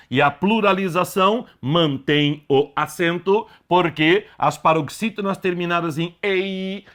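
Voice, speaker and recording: An older man teaching a Portuguese grammar lesson, slowly repeating example words one by one in a deliberate way. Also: on the high side.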